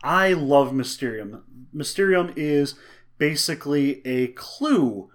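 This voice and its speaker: A man with a somewhat higher voice talking enthusiastically through a list of tabletop games. His delivery is casual and chatty, with a few stumbles. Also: animated, takes it slowly. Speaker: co-host. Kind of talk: casual board game discussion.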